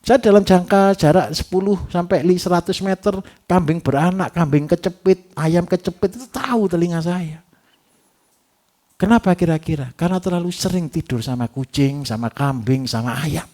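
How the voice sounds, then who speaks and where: A man giving a livestock farming workshop, lively and teasing, who keeps asking his audience rhetorical questions. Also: sits high, moderate pace. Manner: animated, repetitive, teasing.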